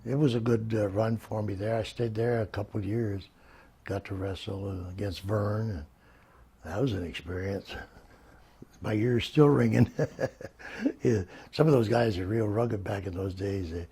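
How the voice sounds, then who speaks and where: A man's voice: lowish voice, normal speed, dark tone, husky. An older man, a retired wrestler, reminiscing in an interview, rambling through stories and laughing often.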